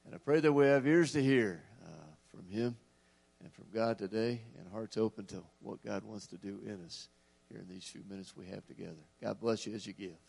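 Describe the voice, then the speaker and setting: A man's voice: fairly low pitch, a little fast, vocal fry, a little mellow, husky. A man leading a church service, giving announcements in a prayerful way before the offering. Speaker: worship leader.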